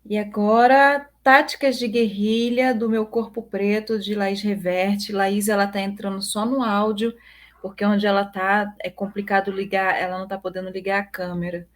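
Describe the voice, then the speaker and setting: A woman's voice: medium pitch, little pitch movement, normal speed. A woman moderating an online film panel, introducing each guest in an upbeat, enthusiastic way.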